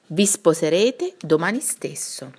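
A woman's voice: on the low side, lively intonation, takes it slowly, darkish tone. A woman voicing an impulsive, generous nobleman in a fairy-tale reading. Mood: jubilant. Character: jubilant old count, generous and impulsive.

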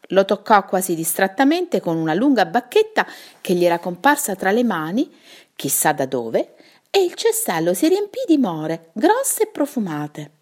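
A woman teacher reading a bedtime fairy tale aloud, gentle and expressive. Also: medium pitch, breathy edge. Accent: Italian. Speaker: teacher and storyteller.

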